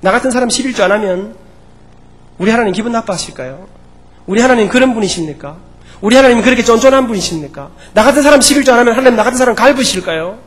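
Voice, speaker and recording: Brief: a preacher voicing a desperate deaconess pleading her case, with a high voice. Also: animated, fast talker, slight background noise. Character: struggling middle-aged deaconess pleading with her pastor.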